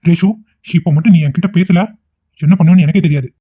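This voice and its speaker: Cartoon: scheming young man, theatrical pleader, high-ish voice, voiced by a man, lo-fi phone sound. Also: steady tone, quick pace, slightly rough. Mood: threatening. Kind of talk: amateur cartoon voice acting. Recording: tinny phone-like lo-fi audio.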